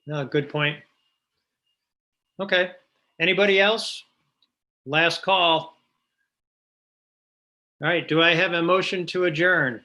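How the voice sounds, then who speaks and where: A man's voice: on the high side, fairly even intonation, slow, pauses often, pushed and bright. A man chairing a remote committee meeting on a conference call, moderating procedure in a polite, informal way.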